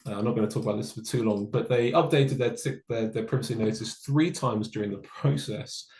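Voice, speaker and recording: A man giving a webinar presentation, explaining in a measured way with dry asides. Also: on the low side, a little mellow, echoey room, rough recording. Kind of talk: online presentation on data law.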